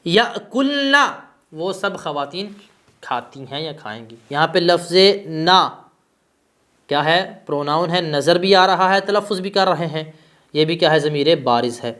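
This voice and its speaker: A male teacher giving a classroom grammar lesson, asking questions and answering them himself. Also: fairly bright tone. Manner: stresses terms with rising pitch.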